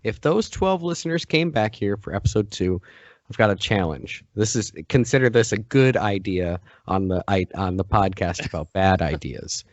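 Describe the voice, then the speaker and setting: A man's voice: fairly low pitch, expressive, moderate pace, dry recording, muffled recording. A man co-hosting a podcast, rambling and joking in casual chat on a new microphone. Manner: rambling, jokey, restarts often. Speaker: podcast co-host.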